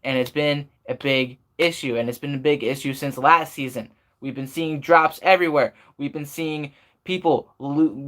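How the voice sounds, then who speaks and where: Male sports fan streamer, voice a bit on the high side, unscripted commentary, frustrated and opinionated, hammers points by repeating them. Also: a bit bright. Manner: frustrated, opinionated venting with emphatic repetition.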